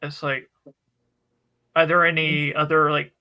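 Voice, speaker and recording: Bright-voiced chatty man. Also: fairly high pitch, a little slow, low-quality recording. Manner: animated, chatty retelling with many fillers. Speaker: book club podcast co-host. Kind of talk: casual chat.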